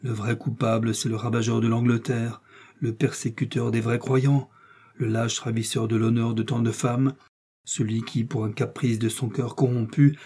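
A cold, scheming noblewoman, voiced by a male reader, pours out her grievances with theatrical passion. The tone is mellow and a little husky. She speaks in a raised, impassioned audiobook style. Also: mid-range voice, close to an everyday voice. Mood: accusing. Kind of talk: audiobook character reading.

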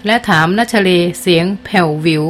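Woman narrating a novel. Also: moderate pace. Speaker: audiobook narrator.

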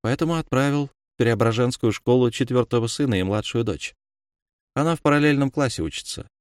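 Casting: quiet teen classmate sharing gossip, read by a man, audiobook. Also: mid-range voice, brisk, dry recording, clean studio sound, natural voice. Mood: confiding. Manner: quiet, confiding. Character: teenage schoolboy, quiet and informed.

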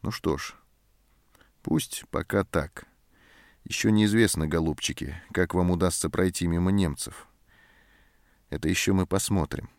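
A man's voice: deep voice, a little slow, pauses often, dry recording, clean studio sound. A man voicing a desperate young man under arrest who pleads in an agitated, strained way. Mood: brooding.

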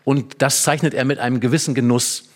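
In a conversation, a mid-pitched man acting as a literary expert lays out ideas one step at a time, giving illustrations and checking in with short tag questions. His tone stays steady and his pace is fairly quick.

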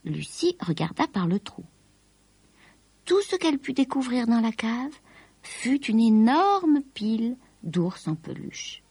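Slow, lilting woman storyteller. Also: on the high side, very animated, darkish tone, slightly rough, no echo. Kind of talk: children's story reading.

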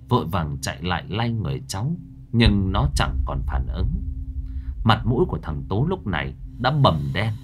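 A man narrating a horror story in a dramatic storytelling manner. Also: on the low side.

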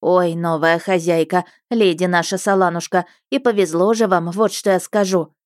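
A woman's voice: lowish voice, fairly even intonation, normal speed, no echo, clean studio sound, close to an everyday voice. A woman voicing a fussy, doting village peasant woman who clucks and laments in folksy speech. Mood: fussing.

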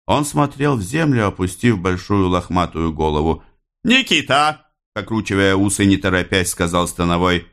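A man narrating a classic novel as an audiobook in a dramatic, measured storytelling manner. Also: deep voice, vocal fry.

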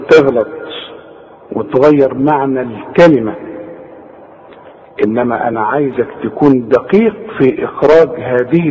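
A man with an Egyptian accent teaching Quran recitation step by step, patiently correcting mistakes and slowly drawing out words to demonstrate. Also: mid-range voice, dark tone, big-room sound, rough recording. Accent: Egyptian Arabic. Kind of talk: step-by-step tajweed lesson.

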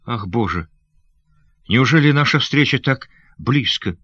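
A man's voice: medium pitch, expressive, unhurried, fairly bright tone, no echo, voice pushed up. A man voicing a young noble lady who is anxious and loving, speaking in breathless, pleading questions.

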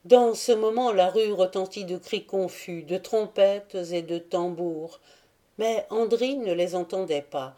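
A woman reading a classic novel aloud as an audiobook, measured and expressive. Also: mid-range voice. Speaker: audiobook reader. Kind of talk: literary audiobook narration.

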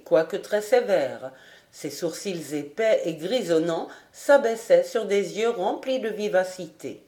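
A woman's voice: mid-range voice, mellow. Woman reading a novel in an echoey room. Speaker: audiobook reader. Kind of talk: scripted narration.

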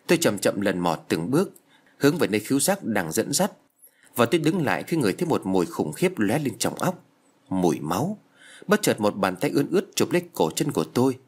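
Husky male horror storyteller. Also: medium pitch. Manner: dramatic, suspenseful reading. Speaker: narrator. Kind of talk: scripted horror narration.

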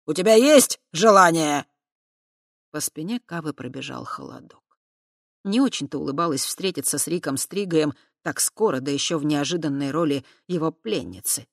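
A narrator reading a fantasy novel aloud in an even, measured storytelling manner. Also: medium pitch, creaky, no room sound, studio quality. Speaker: audiobook narrator.

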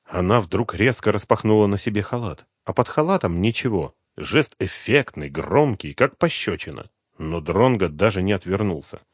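A man narrates a novel in a fairly low voice with a lively, expressive lilt. His delivery is measured and storytelling. The recording is close and dry, with no room sound. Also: slightly rough, no echo. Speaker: audiobook reader. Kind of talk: scripted narration.

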